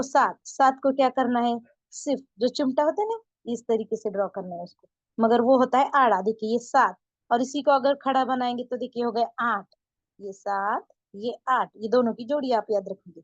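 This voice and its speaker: Woman, online beginner lesson, patient, slow drawn-out counting, muffled dry audio. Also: on the high side, no echo. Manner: patient, repeats and checks with "है ना". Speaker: Urdu teacher.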